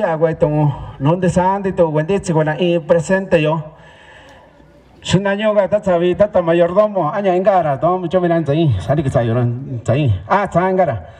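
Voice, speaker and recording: A man's voice: high voice, a little mellow. A man from Mexico announcing at a village fiesta dance in a church, speaking in short clipped phrases as he names sponsors and guests. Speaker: event announcer.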